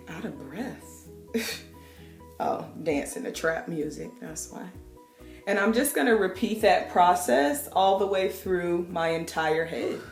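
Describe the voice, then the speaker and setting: A woman's voice: on the low side, echoey room. A young woman vlogger giving a casual hair tutorial at home, chatty and playful, laughing at herself. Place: home room.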